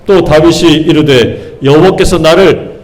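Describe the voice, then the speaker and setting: A man's voice: fairly high pitch, unhurried, darkish tone. A man pastor preaching a sermon. He keeps asking the congregation questions and acts out the lines he quotes.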